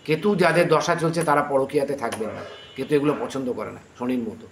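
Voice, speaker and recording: A man's voice: mid-range voice, fairly even intonation. A middle-aged man with a Bengali accent teaching astrology, earnest and pleading as he explains. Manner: earnest, pleading, chants mantras slowly. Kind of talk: astrology lesson. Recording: echoey room, faint ambient noise.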